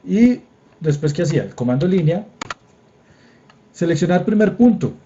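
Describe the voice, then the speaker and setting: A man's voice: sits high, very animated, moderate pace, dark tone, slight background noise. A young man with a Colombian accent teaching an online engineering drawing class, informal and patient, often checking whether his students are following. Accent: Colombian Spanish. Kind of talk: online class lecture with screen demo. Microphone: computer mic on a video call. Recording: slightly dull video call audio.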